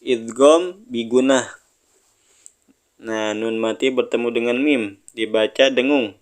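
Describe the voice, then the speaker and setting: A man teaching Quran reading, stretching out each recited word before explaining it plainly, and inviting the listener to read along. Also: medium pitch. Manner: drawn-out sung recitation of words, then plain explanation. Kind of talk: step-by-step recitation lesson.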